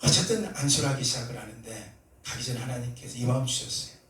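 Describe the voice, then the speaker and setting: A male pastor preaching a sermon, telling a story and acting out prayers and dialogue, sometimes rising to loud, fervent cries. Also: medium pitch, fast talker. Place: church sanctuary. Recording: echoey church hall, mic at a distance.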